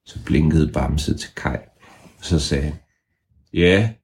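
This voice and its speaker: A man's voice: a bass voice, flat delivery, creaky, mellow. A man making up a bedtime story for a child, playful and sometimes searching for his words.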